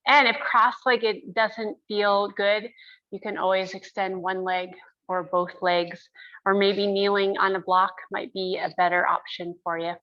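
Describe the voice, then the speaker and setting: A woman teaching gentle yoga and breathwork in a calm, soothing, unhurried manner. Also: medium pitch, lo-fi sound.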